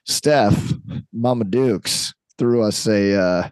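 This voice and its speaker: A man's voice: fairly low pitch, slow, a little mellow, no room sound. A man co-hosting a podcast and working as a trainer, talking in a laid-back, slangy, upbeat way. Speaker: podcast co-host and athletic trainer. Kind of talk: casual chat.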